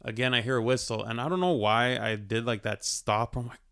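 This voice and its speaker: A man's voice: medium pitch, brisk, gravelly, a bit bright, clean tone. A man, telling a story in a casual podcast chat, full of fillers. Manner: laid-back, storytelling with lots of fillers.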